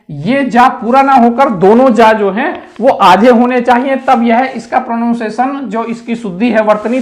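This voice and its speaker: A man teaching a Hindi grammar lesson for exam preparation, explaining slowly and repeating key words as he points things out. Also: very high-pitched.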